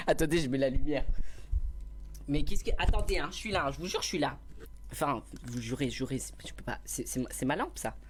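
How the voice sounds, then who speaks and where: Speaking a little high and a little fast, a young man on a live stream recounts a story in casual chat. He's animated and laughing often, loudly playing out a quarrel, with his voice captured indoors by a small clip-on mic.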